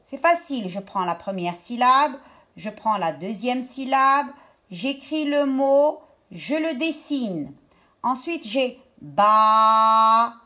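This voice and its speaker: A woman teacher talking young pupils through a worksheet step by step, stretching out each word slowly. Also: high-pitched, lively intonation, a bit bright. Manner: slow, step-by-step, drawn-out words for young pupils. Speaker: primary school teacher. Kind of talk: remote lesson explaining a worksheet.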